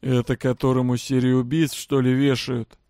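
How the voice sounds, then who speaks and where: A man voicing a gruff adult male prisoner who talks in a blunt, offhand way. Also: mid-range voice, level tone, moderate pace, mellow, no echo, studio quality, close to an everyday voice.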